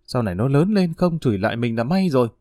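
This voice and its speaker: A man's voice: medium pitch, very animated, quick pace, dark tone, dry recording, studio quality. A man doing soothing, moralizing relatives. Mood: consoling. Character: sympathetic family relatives consoling.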